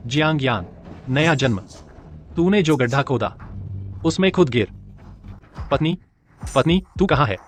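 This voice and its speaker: A man's voice: medium pitch, animated, a little slow, pauses often, a little hiss or hum, lightly acted. An actor playing a young husband who grieves his wife, his pleading disbelief giving way to a cold, calculating edge, in a dubbed drama. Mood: determined.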